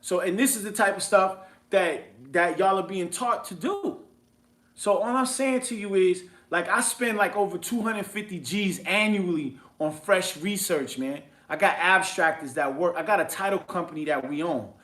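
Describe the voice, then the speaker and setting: Man, real estate investor in a loose seminar setting; emphatic, slangy, quick to laugh; slightly high voice, echoey room. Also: fairly bright tone. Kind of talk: casual seminar talk.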